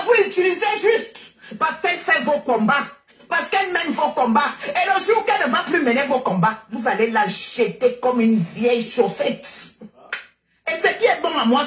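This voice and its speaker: A woman's voice: sits high, fairly bright tone, reverberant. A tearful woman giving a repetitive, preachy rant on a live stream from her car. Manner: emotional, preachy, repeats herself. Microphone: phone while driving.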